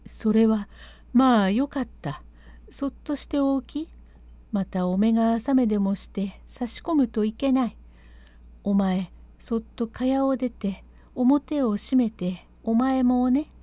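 Lady reading as a kind young wife of the house, soft mellow voice, fussing over a sick guest. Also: on the high side, unhurried, no echo, close to an everyday voice. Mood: caring. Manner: refined gentle instructions in old Edo speech. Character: gentle young mistress of a samurai-era house, caring.

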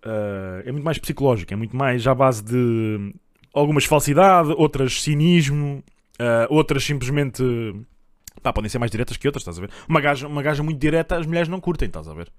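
Lively slangy Portuguese man. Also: mid-range voice, a little fast, no echo, clean studio sound. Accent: European Portuguese. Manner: slangy, swearing, acts out quoted dialogue. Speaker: podcast co-host. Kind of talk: casual chat.

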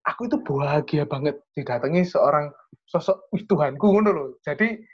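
A man's voice: fairly high pitch, lively intonation, normal speed, husky, muffled recording. A young man with an East Javanese accent tells a personal story in casual chat, earnest and rambling. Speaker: storyteller sharing a testimony.

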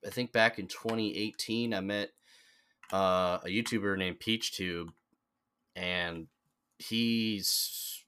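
Low-voiced young man rambling casually. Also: steady tone, slow pace, pushed and bright, smooth. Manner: rambling, many fillers and restarts. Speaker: podcast guest. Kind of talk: casual chat.

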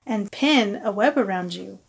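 A woman's voice: medium pitch, expressive, unhurried, gravelly, husky, voice pushed down, exaggerated voice, low-quality recording. A woman reading the lines of a crafty, helpful spider in a picture book, in her own voice.

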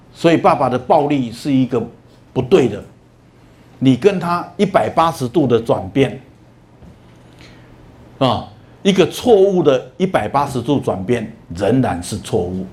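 A man's voice: medium pitch, very animated, a little mellow. A middle-aged man giving a university lecture, telling stories and stretching out "ah" and "oh" fillers. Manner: storytelling, many drawn-out "ah" and "oh" fillers.

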